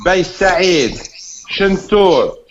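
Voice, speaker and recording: Speaking extremely slowly in a high-pitched voice with lively intonation, a man from Constantine with an Algerian accent pushes his point insistently in a heated political debate where he is a guest. He is forceful and repetitive, and the recording is muffled, lo-fi and faintly noisy.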